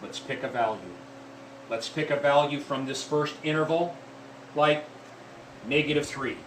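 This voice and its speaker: A man gives a math lecture in a deliberate, repetitive teaching manner, his voice somewhat high for a man. He sounds set back from the microphone in an echoey room, with a faint hiss of noise underneath. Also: fairly bright tone, far from the mic. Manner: deliberate, repeats key points, addresses students as folks.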